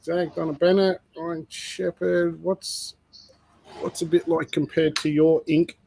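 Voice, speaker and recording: A man's voice: a little high, little pitch movement, takes it slowly, gravelly, darkish tone, a little hiss or hum, low-quality recording. A man co-hosting a reptile livestream, telling stories in a rambling, filler-heavy casual way. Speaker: co-host of a reptile breeding livestream. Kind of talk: casual chat.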